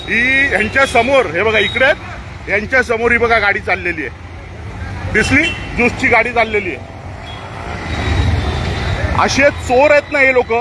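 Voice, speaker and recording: A man's voice: very high voice, unhurried, long pauses. A man angrily confronting municipal workers outdoors, scolding and demanding answers while streaming live on his phone. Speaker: citizen confronting municipal staff. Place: outdoors on a busy street. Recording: street traffic noise behind.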